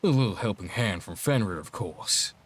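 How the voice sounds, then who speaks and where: A man's voice: fairly low pitch, lively intonation, normal speed, breathy edge. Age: adult. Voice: a man doing a muffled, taunting helmeted villain. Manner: taunting, condescending. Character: armored helmeted male villain, mocking and cocky.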